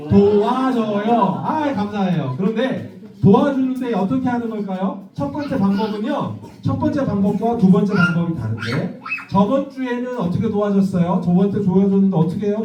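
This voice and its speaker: Lively man pastor telling a children's story. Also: sits high. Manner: lively, asks the children questions and acts out voices. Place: church hall. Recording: distant, echoey, dull church recording.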